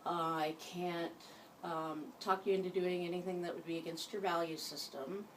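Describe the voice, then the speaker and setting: A woman leading an informal guided hypnosis session, giving gentle instructions in a halting way. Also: on the low side, steady tone. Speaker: hypnosis practitioner. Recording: distant mic, faint background noise.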